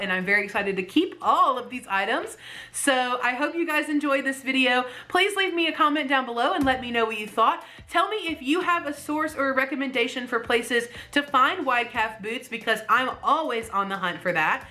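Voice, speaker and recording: A woman's voice: on the high side, bright, forceful tone. A young adult woman vlogging casually to camera, upbeat and chatty, asking her viewers questions. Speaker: fashion vlogger.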